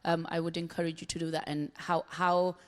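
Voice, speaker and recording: Woman from Pakistan, thirties, lower-pitched, polite hesitant question in a reverberant hall. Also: little pitch movement, a little fast. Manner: polite, hesitant, with many fillers. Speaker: audience member asking a question. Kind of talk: question from the audience.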